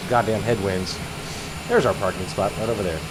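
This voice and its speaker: Male sim streamer, fairly low register, stuffed with a cold, informal running commentary over heavy cabin noise. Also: fairly even intonation, a little fast. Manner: informal, musing aloud. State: has a cold. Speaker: flight simulator streamer. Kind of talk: casual gameplay commentary. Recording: voice under loud cockpit engine noise. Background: loud aircraft cabin hum.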